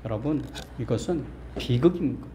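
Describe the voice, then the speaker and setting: A man's voice: mid-range voice, moderate pace, mellow, a little hiss or hum. A male pastor preaching a sermon in a small church, quizzing the congregation and joking with them, then building to emphatic, insistent peaks. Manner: asks the congregation questions and jokes with them.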